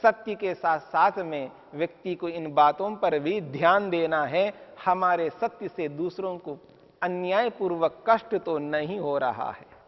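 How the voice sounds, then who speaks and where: A man giving a spiritual discourse, speaking slowly and emphatically and repeating Sanskrit verses. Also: high-pitched. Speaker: religious teacher. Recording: dull lo-fi audio with long reverb.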